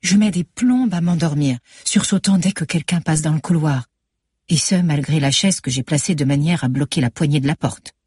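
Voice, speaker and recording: Woman reading a novel aloud, husky, dry close sound, wry and sarcastic. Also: sits low, normal speed, a little mellow, no echo. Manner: wry, sardonic inner voice. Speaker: audiobook narrator. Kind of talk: first-person novel reading.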